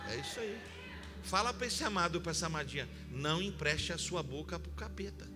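A pastor preaching a sermon, moving from calm teaching to shouted, sung exclamations. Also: male voice, fairly high pitch, a little fast. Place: church hall. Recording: long hall reverb with live music.

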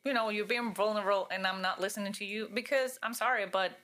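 A woman's voice: medium pitch, steady tone, quick pace, fairly bright tone. A woman joining a podcast conversation, speaking directly. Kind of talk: casual chat.

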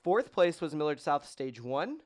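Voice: medium pitch, sing-song, unhurried. A podcast host in casual chat, joking and running through long lists of results with many ums.

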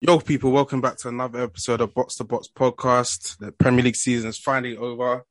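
A man's voice: medium pitch, little pitch movement, fast, no echo. A young man with an urban London roadman accent hosting a football podcast in casual, slangy chat. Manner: slangy street talk.

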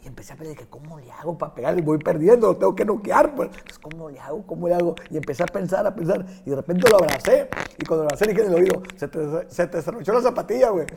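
A man's voice: high-pitched, very fast, creaky, few pauses, a little hiss or hum. A man, a retired boxer telling a story with slang and acted-out dialogue. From Mexico. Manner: acts out dialogue, slangy, excitable. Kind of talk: animated storytelling.

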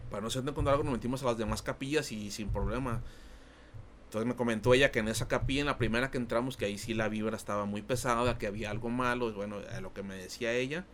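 A man's voice: medium pitch, fairly bright tone, slight background noise. A man with a Mexican Spanish accent telling an anecdote in a casual podcast chat, rambling with many fillers. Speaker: podcast co-host.

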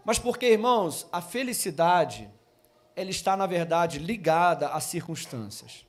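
High-voiced preacher man. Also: lively intonation, a little slow. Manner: builds from chatty asides to loud emphatic preaching; addresses congregation as brothers. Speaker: pastor. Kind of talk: Christmas sermon. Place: church.

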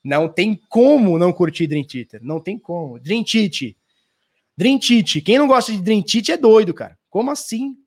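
High, lively Brazilian man streaming live. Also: normal speed. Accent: Brazilian Portuguese. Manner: loose, slangy, swears, rambles with restarts. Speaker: crypto livestream host. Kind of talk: casual live chat reading viewer questions. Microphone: standing at a live stream mic.

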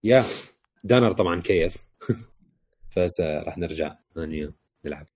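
A man's voice: low-pitched, moderate pace, a little mellow. A man with an Iraqi Arabic accent chatting casually as a podcast co-host, dropping English words into his talk. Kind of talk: casual chat.

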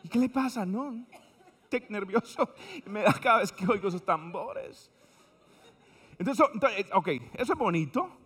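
A man preaching a humorous sermon, with a high voice and a bright, sharp edge. He tells stories in an animated way and acts out the voices of the people in them. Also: normal speed, long pauses, slightly rough.

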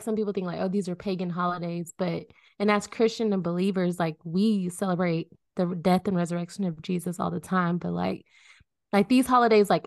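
A woman in her late twenties co-hosting a podcast, talking in a relaxed, reflective way with many fillers. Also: medium pitch, vocal fry, no echo, studio quality. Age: 20s. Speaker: podcast co-host. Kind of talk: casual chat.

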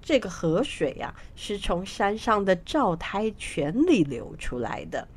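A woman voicing a kindly, wrinkled old woman in a storybook tale, speaking low and hushed. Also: big pitch swings, measured pace, husky. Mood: confiding.

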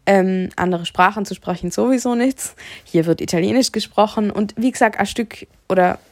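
A woman's voice: medium pitch, moderate pace, dry recording. Frank young woman, dry sound. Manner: frank, chatty, opinionated storytelling. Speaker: podcast host. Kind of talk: casual solo podcast monologue.

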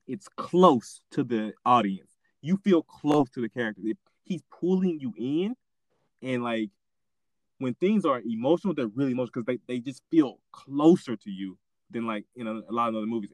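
A man's voice: medium pitch, dry recording, rough recording. A man hosting a casual film discussion, often restarting his sentences and feeling his way through thoughts. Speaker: host asking questions.

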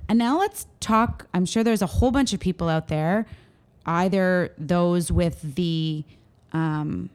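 A woman's voice: fairly low pitch, slow pace, darkish tone, smooth. A woman co-hosting a casual advice chat, chatty with playful interjections. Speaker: podcast co-host.

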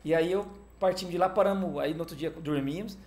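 Fast-talking animated male storyteller. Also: fairly high pitch. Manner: animated, fills talk with "cara", acts out quoted dialogue. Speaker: guest, music manager. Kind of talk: casual storytelling in an interview.

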